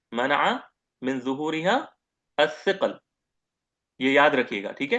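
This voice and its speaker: A man giving a grammar lecture as teacher, posing questions to the class, answering them himself and repeating each term slowly. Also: fairly high pitch, a bit bright, muffled recording. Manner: asks questions and answers them himself, repeats terms, says "okay" often.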